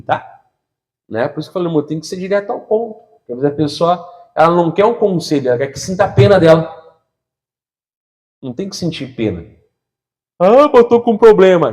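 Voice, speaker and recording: A man preaching a lively sermon, who keeps asking the crowd rhetorical questions and acts out little scenes with humor. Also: a little high. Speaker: pastor.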